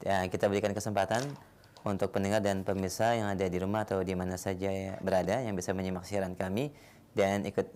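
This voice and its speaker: Man, radio co-host, formal announcer, deep voice. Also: darkish tone. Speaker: radio co-host taking callers. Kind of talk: broadcast announcement.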